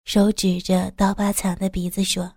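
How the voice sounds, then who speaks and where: A woman calmly narrating a crime story as a storyteller, in an even reading voice. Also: medium pitch, normal speed, gravelly, no room sound.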